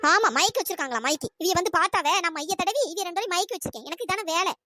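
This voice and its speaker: Sarcastic cartoon daughter-in-law, voiced by a performer, defiant, bright voice. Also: very high-pitched, expressive, rapid-fire, full character voice. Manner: mocking, retorting. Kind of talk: cartoon voice acting.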